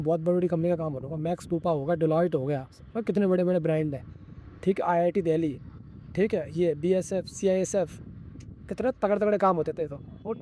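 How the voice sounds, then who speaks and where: A young man in a casual vlog, talking fast and bluntly with a high, mellow voice. He is slangy and preachy as he gives career advice straight to the viewer. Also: slight background noise. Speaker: vlogger.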